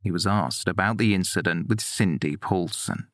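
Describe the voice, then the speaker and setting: A man reading a scripted true-crime narration in a measured, sober way. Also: sits low, no room sound, studio quality.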